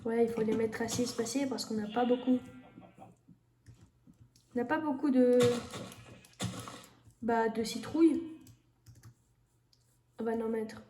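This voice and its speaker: Casual gamer woman, high mellow voice, thinks aloud, echoey room. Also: steady tone, measured pace, pauses often. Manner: thinking aloud, many fillers, talks to the viewers. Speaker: gamer streamer. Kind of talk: casual gameplay commentary. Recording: echoey room with faint noise.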